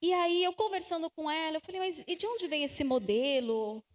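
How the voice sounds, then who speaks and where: A Brazilian woman giving slow, emphatic advice to parents at a church family conference, acting out little dialogues. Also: extremely high pitch. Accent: Brazilian Portuguese. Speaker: conference speaker. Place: church hall. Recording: church hall with long reverb.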